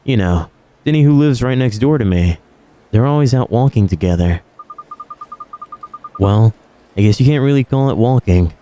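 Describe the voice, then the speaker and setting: A man's voice: mid-range voice, lively intonation, normal speed, long pauses, mellow, lightly acted. A man reading a chatty cheerful young girl.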